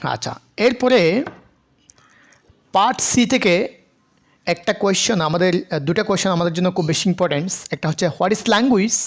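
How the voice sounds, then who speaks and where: A man's voice: sits high, normal speed, long pauses. A man teaching an online linguistics lecture, who keeps asking rhetorical questions and mixes in English terms.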